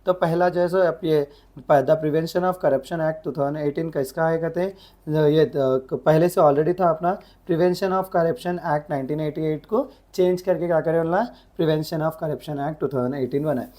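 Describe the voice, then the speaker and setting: Woman tutor, low mellow voice, slow dictation and quick asides. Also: steady tone. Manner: slow dictated English definitions, quick conversational Hindi explanations; keeps asking rhetorical questions. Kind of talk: exam revision lesson.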